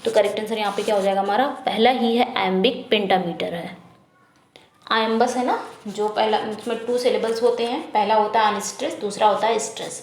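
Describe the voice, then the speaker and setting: A woman teaching an English exam prep lesson, reading questions slowly and explaining quickly in Hindi, asking and answering herself. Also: mid-range voice, fairly even intonation, reverberant. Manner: repetitive drilling, asks then answers herself.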